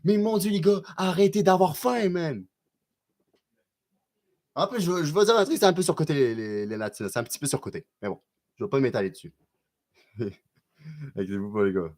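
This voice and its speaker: A man with a Québécois accent chatting casually on a live stream and answering viewers, loose and slangy with lots of quick restarts. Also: a little high, lively intonation, darkish tone. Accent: Québécois French.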